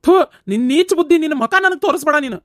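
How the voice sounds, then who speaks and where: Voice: high-pitched, expressive, very fast, no echo, clean studio sound. A voice actor playing an angry village husband in a cartoon, with a North Karnataka accent, scolding his in-laws in disgust. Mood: furious. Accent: North Karnataka Kannada. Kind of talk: cartoon comedy voice acting.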